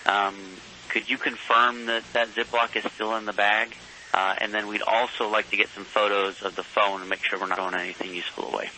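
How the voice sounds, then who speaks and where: Sharp, bright male mission controller on radio. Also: on the low side, flat delivery, a little fast, low-quality recording. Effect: space radio transmission. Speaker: mission control communicator in Houston. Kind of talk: procedural radio communication, informal and conversational. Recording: hissy space-to-ground radio link.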